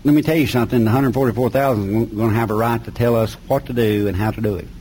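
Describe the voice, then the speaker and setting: A man's voice: mid-range voice, steady tone, fast talker, warm tone, a little hiss or hum, rough recording. A middle-aged man from the North Carolina mountains with an Appalachian accent, preaching a sermon and reading scripture in a folksy, plain-spoken way with colloquial grammar. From mountains of North Carolina, USA.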